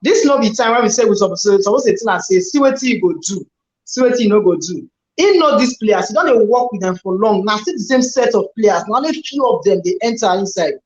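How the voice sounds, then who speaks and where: A man's voice: sits high, lively intonation, fairly quick. A man with a Nigerian accent talks through a football match as a guest pundit, hammering his points home by saying them twice. His voice sits in a roomy, echoing space, and the recording sounds dull and muffled. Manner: emphatic, repeats phrases for stress. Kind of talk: casual match analysis and mock commentary.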